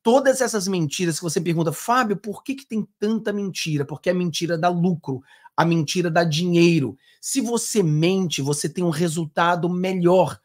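A man's voice: high-pitched, normal speed. A man in his thirties with a Brazilian Portuguese accent, giving earnest, emphatic live commentary from a home studio on headphones. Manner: earnest, emphatic, gestures with hands. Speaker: political commentator. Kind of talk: live-stream reaction commentary. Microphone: over-ear headphones, desk mic.

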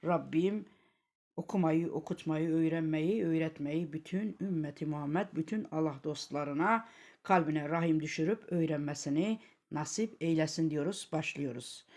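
A woman with a Turkish accent teaching Quran reading. She repeats each example word slowly and loudly, then explains it more quietly. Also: low-pitched. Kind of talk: slow step-by-step recitation lesson.

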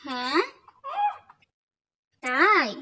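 A woman's voice: sits high, lively intonation, drawn-out words, bright, forceful tone. A young mother teasing and coaxing her baby in playful, sing-song baby talk.

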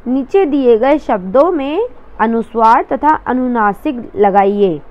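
A woman's voice: a little high, dull audio. A woman teacher explaining a worksheet to children step by step, patiently repeating each word.

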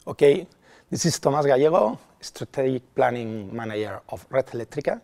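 A man in his forties from Spain speaking English with a Spanish accent, slow and careful in a classroom testimonial. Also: mid-range voice, lively intonation, gravelly, warm tone. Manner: slow, non-native phrasing. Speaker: strategic planning manager. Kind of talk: testimonial interview.

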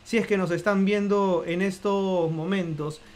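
A man's voice: sits high, steady tone, a little slow, darkish tone. A man with a Peruvian accent hosting a live book stream, talking to his viewers in a playful, theatrical way. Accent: Peruvian Spanish. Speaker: host of a live book podcast. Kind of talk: live-stream casual chat.

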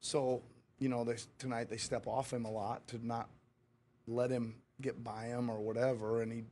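A man's voice: mid-range voice, flat delivery, normal speed, warm tone, slight background noise. A middle-aged man speaking as head coach at a post-game press conference, talking candidly and rambling, with frequent restarts, into a table mic in a press room. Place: press room before a sponsor backdrop. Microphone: table mic in front of him.

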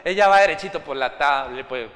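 Fervent pastor, bright high voice. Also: male voice, a little fast. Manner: impassioned preaching that climbs to fervent exclamations; acts out everyday scenes and quoted voices. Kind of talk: sermon. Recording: reverberant hall.

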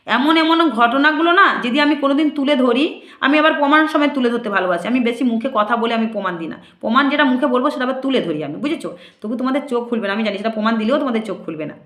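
A high-pitched woman in her thirties, speaking as a temple priestess and answering her critics. She talks in an indignant, questioning way, putting one rhetorical question after another to her viewers. Her voice rings around an echoey room. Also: animated, quick pace, fairly bright tone. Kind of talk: casual monologue to viewers.

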